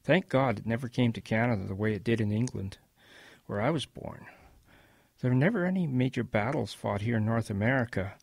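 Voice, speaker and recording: In a radio drama, an actor plays a kindly old grandfather, gently yet animatedly recounting wartime memories in a wistful mood. His voice is creaky and husky at a medium pitch, recorded cleanly in a studio with no echo.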